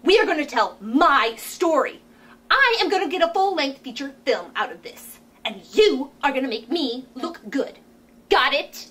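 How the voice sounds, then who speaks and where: High-pitched melodramatic Cinderella. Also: female voice, very animated, moderate pace, a bit bright. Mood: bossy, threatening. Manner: overwrought wailing with sudden snide asides. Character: melodramatic self-pitying young Cinderella, vain diva. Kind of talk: broad comic stage fairy-tale acting.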